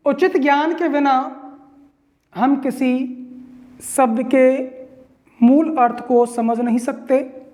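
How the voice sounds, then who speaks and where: A man teaching a grammar lesson from India, going over each point deliberately, repeating it and answering his own questions. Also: very high voice.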